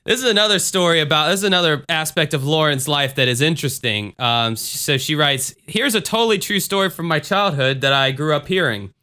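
A man's voice: fairly high pitch, lively intonation, brisk, hardly any pauses, bright, forceful tone, clean tone. A man hosting a podcast in a casual, informal, conversational style, sometimes reading aloud. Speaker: podcast host.

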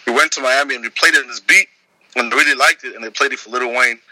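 A man's voice: medium pitch, fast talker, dry recording, poor audio. A young man from Zimbabwe, a music producer, talking casually as an interview guest with lots of restarts and fillers. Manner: relaxed, rambling with many restarts.

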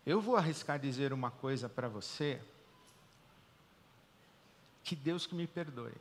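A man with a Brazilian Portuguese accent preaching a sermon as pastor, swinging between loud emphatic declarations and quiet, hushed pauses. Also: mid-range voice, big-room sound, slight background noise.

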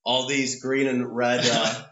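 Sitting in his home's three-season back patio room, a man co-hosts a podcast, joking and rambling with lots of self-interruptions and restarts. His delivery is flat and slow, mid-range yet pushed and bright. Expect an echoey room and dull lo-fi sound.

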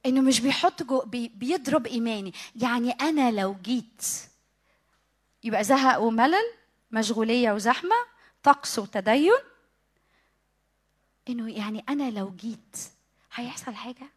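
A middle-aged woman with an Egyptian accent preaching to a youth meeting, animated, acting out her listeners' excuses and dropping to a hushed whisper when she prays. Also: a little high, normal speed, long pauses. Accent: Egyptian Arabic. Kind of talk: sermon.

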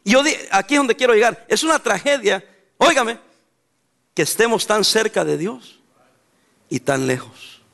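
A man from El Salvador with a Salvadoran Spanish accent, preaching a sermon in a church, emphatic, with bursts of laughter and loud outbursts. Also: high voice, animated, normal speed, vocal fry, pauses often. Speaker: pastor.

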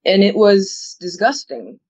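A woman's voice: medium pitch, lively intonation, unhurried, darkish tone, no echo. A woman from Ecuador, answering interview questions as a political campaigner, earnest and opinionated, often restarting her phrases. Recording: dull, dry audio.

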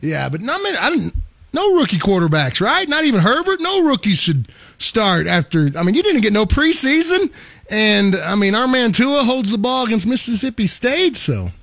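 High-voiced, teasing male radio co-host, dry sound. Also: sing-song, moderate pace, fairly bright tone, dry recording. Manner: teasing, joking banter. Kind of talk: casual sports radio banter.

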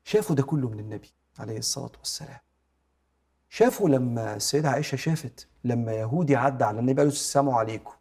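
A middle-aged man with an Egyptian accent giving a religious talk, retelling a story with quoted dialogue and often dropping to a soft hush. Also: medium pitch, animated, very fast. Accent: Egyptian Arabic. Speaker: preacher.

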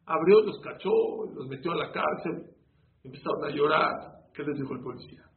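A man delivers a rabbi's sermon, pressing his listeners with rhetorical questions and folding little stories into the lesson. His voice sits fairly high. The recording is thin and phone-like, with a roomy echo. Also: fairly even intonation, a little fast, creaky. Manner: preaching with rhetorical questions and storytelling. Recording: echoey, phone-like with faint room noise.

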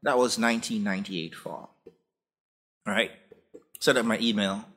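Husky Jamaican man telling stories. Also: lowish voice, normal speed. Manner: relaxed, anecdotal, frequent restarts. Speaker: guest, professor. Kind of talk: conversational interview storytelling.

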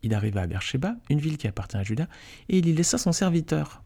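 Man, Bible teacher, conversational study, dark mellow tone, husky voice. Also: fairly high pitch, very animated, quick pace. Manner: reads scripture aloud, then explains it informally with frequent tag questions; addresses listeners warmly as friends.

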